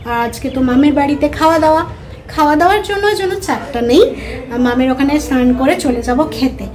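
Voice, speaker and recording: A woman's voice: sits high, fast talker, a little mellow. A woman vlogger talking casually to the camera at home, chatty and rambling as she thinks aloud. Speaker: lifestyle vlogger.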